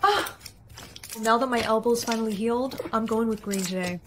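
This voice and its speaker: A text-to-speech woman's voice narrating a storytime in a flat synthetic delivery and voicing every role. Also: on the high side, fast, heavy background noise.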